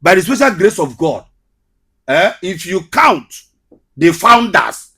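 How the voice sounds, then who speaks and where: A man's voice: sits high, very animated, measured pace, bright, forceful tone, husky. A man with a Nigerian Igbo accent, telling his story as an interview guest and repeating phrases emphatically. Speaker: guest, comedian and skit maker.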